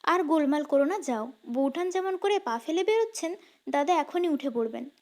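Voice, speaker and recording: Woman reading a mild young husband, hushing, high voice, mellow, storybook. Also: lively intonation, moderate pace. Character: calm young husband, lawyer at his desk.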